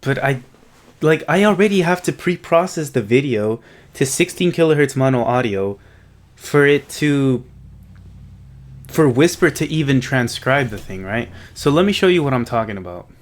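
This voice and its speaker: Male tech host, casual unscripted walkthrough, medium pitch, informal, thinking aloud. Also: lively intonation, normal speed. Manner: informal, thinking aloud, often checking in with "right?". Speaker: host of a coding project video series.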